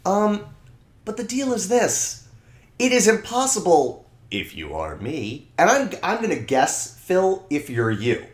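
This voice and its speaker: A man co-hosting a podcast, talking in an excitable, animated way with many restarts. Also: high-pitched, a little slow, echoey room. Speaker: podcast co-host. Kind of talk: casual chat.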